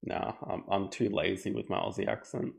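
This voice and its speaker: Gravelly low-voiced man streaming a game. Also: moderate pace. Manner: thinking aloud, relaxed and chatty. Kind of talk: casual live game commentary.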